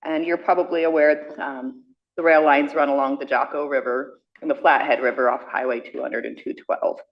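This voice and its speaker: A woman speaking for her community at a council meeting, briskly listing practical complaints. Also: very deep voice, fairly even intonation, lo-fi sound.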